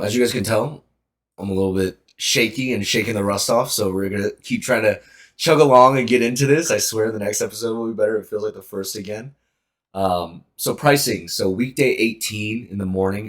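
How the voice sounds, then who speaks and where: Young male podcast host with a very low voice, easygoing and a little halting. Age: young adult. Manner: relaxed, slightly halting with many ums. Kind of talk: casual podcast chat.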